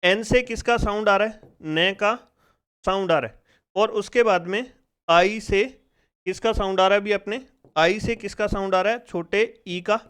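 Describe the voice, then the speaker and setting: High, clear-voiced man teaching phonics. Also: moderate pace, a bit bright. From India. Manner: repeats questions to the class, drills each sound step by step. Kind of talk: spoken phonics lesson.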